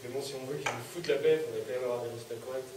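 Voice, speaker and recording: A man's voice: mid-range voice, fairly even intonation, racing, darkish tone, natural voice. A young man in a student sketch, playing a struggling son who sulks and defends himself. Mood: frustrated. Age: young adult. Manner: sulky, defensive. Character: struggling, frustrated teenage son. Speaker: student actor. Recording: echoey room, distant mic, noisy.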